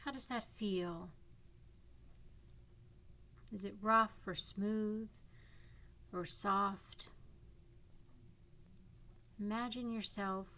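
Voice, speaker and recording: A woman narrating a guided imagery meditation in a calm, soothing way, leaving long pauses between gentle instructions. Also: mid-range voice. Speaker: psychotherapist guiding a meditation.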